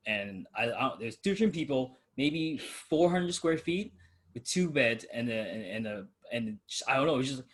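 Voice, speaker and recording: A young man in casual chat with an old friend, talking in a loose, laid-back way with the odd curse word. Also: mid-range voice. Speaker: channel host.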